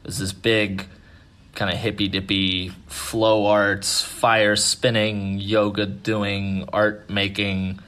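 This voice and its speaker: A man with a fairly low voice telling a ghost story the way you'd tell it to friends. He is relaxed and self-mocking, with swearing thrown in. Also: slow pace. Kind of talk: casual spoken ghost story.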